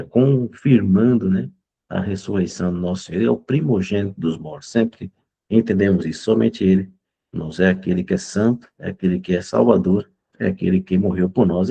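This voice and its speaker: Over a video call, a Bible study leader runs an online discipleship class, speaking fervently and filling pauses with a questioning "né?". His voice is low, gravelly, warm and slightly rough, and the recording is muffled.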